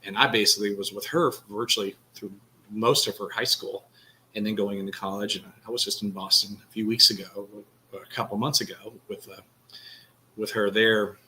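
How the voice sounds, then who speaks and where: A man's voice: fairly low pitch, steady tone, moderate pace, sharp tone, poor audio. A man with a Texan accent, co-hosting a podcast and talking earnestly in a rambling, casual way. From Texas. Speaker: podcast co-host. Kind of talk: casual candid conversation.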